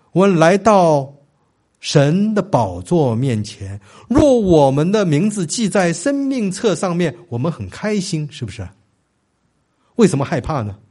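A man's voice: on the high side, a little mellow. A man preaching a sermon, stressing key phrases and leading the congregation to repeat them after him. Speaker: pastor.

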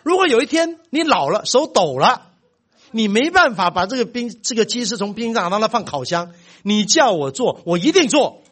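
Man acting out a teen son arguing his point; lifted, lively pitch. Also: normal speed, exaggerated voice. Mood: reasoning. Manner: calmly reasoning back at his father. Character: teenage son, puzzled and argumentative.

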